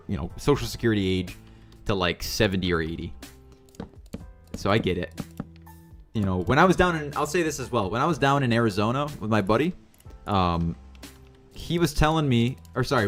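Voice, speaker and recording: A man streaming a building game tells rambling stories casually while he plays. He often corrects himself mid-sentence and swings into high-pitched mimicry.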